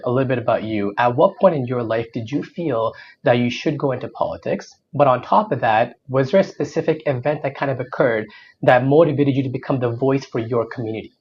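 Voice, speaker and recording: A man's voice: medium pitch, brisk, darkish tone. A male host opens his interview show and chats with his guest in a friendly, upbeat way. The recording is a little muffled, with faint background noise.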